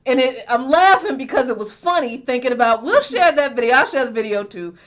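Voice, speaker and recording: A woman co-hosting a political commentary show, talking in an animated, conversational way. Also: on the high side. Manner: animated, conversational, quick to laugh. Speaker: co-host.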